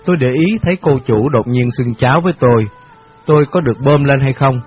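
Calm reflective male narrator. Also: medium pitch, slightly rough. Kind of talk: memoir narration for radio. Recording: dull radio recording with music.

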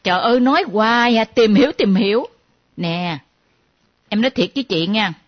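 An actress playing a nosy younger female friend who teases and mocks in a lively way. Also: medium pitch, normal speed, natural voice. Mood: teasing. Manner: teasing, lively, mimicking. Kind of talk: comedy sketch acting. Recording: dull lo-fi recording.

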